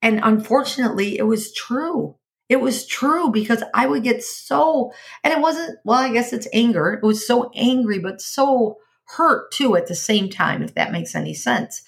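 Her voice on the high side, animated and creaky at normal speed, a middle-aged podcast host delivers an earnest advice monologue drawn from her own life. She tends to repeat herself and start sentences over.

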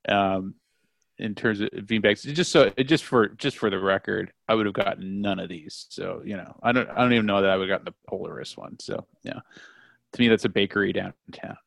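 A man's voice: fairly low pitch, brisk, creaky, a bit bright, no echo, clean studio sound. A man hosting a podcast, playfully quizzing his friends in casual chat. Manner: playful quizmaster, laughs often. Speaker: podcast host running a trivia quiz.

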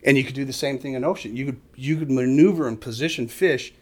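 A middle-aged man, explaining fishing tactics in casual conversation as an animated storyteller who acts out other anglers. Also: mid-range voice, fast talker. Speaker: fishing guest expert. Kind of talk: casual chat.

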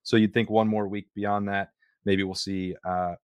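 A man's voice: on the low side, little pitch movement, moderate pace, darkish tone, smooth, no echo, studio quality. A man hosting a casual sports podcast, teasing his co-hosts with mock-grand flourishes. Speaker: podcast host.

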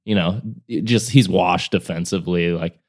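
Low-voiced laid-back ballplayer guest. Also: male voice, moderate pace, darkish tone. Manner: loose, filler-heavy, laughs at his own stories. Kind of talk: casual podcast conversation.

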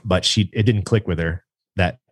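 This deep-voiced podcast guest, who hunts ducks and trains dogs, spins a hunting story at normal speed in a slightly rough voice. He rambles animatedly and acts out quotes in the casual chat, with no room sound.

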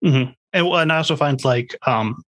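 A man's voice: mid-range voice, moderate pace. A man hosting a podcast, chatting casually and sharing his own experiences. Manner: relaxed, conversational, shares personal anecdotes. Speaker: podcast host. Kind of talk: casual interview chat and podcast outro.

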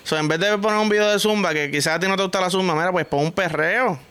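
A man's voice: high-pitched, quick pace, sharp tone, smooth. A man with a Puerto Rican accent hosting a vlog, delivering a crude, joking rant packed with slang. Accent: Puerto Rican Spanish. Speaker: vlogger host. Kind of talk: casual comic monologue vlog.

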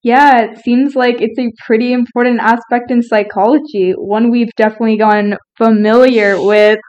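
A woman's voice: on the high side, steady tone, normal speed, darkish tone, lo-fi sound. A young woman co-hosting a podcast, playful and teasing, who laughs often and talks through a retainer. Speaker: podcast co-host. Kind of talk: casual podcast chat.

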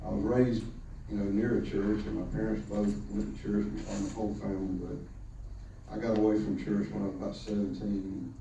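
A man giving a halting personal testimony at church, heard through a low quality stream of the recording. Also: flat delivery, warm tone, heavy reverb, distant mic, slight background noise, rough recording. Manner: halting, many fillers and restarts. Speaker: podcast host giving testimony.

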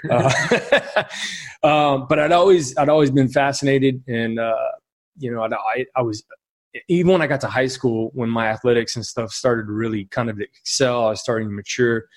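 A man's voice: medium pitch, normal speed. A middle-aged man, a podcast guest, telling rambling anecdotes with frequent chuckles. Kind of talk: casual storytelling.

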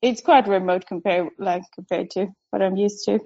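A woman around thirty talks easily as a podcast guest. Her voice is warm and mellow, with frequent small laughs and hesitant ums. The recording sounds a little dull and lo-fi. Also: mid-range voice, fairly even intonation, moderate pace. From Sweden. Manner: chatty, laughs often, many ums. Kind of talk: casual interview chat.

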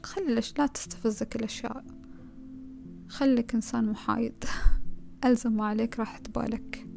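A woman's voice: a little high, fairly even intonation, a little fast, creaky, darkish tone, soft background music. A woman with a Gulf Arabic accent giving a conversational self-help talk, advising the listener and piling up rhetorical questions.

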